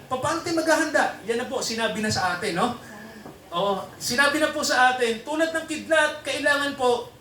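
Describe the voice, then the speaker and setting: A man delivering a sermon and a prayer to a congregation, peppering them with tag questions. His voice sits high and sounds bright and sharp. It comes from a distance in a reverberant hall, with a faint hum of room ambience behind him. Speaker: preacher. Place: church hall before a congregation.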